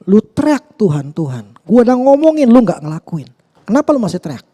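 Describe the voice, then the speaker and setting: A man putting on the voice of God, scolding bluntly in street slang, high and loud. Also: sing-song, brisk, long reverb tail. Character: blunt scolding divine voice, male, exasperated.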